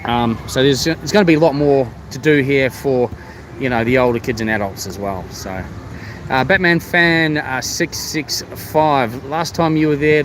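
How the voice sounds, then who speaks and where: A man's voice: mid-range voice, a bit bright. Mask-muffled Australian man live-streaming outdoors. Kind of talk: casual live vlog chat, greeting viewers. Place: outdoors at a theme park. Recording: outdoor ambient noise, vehicle sounds.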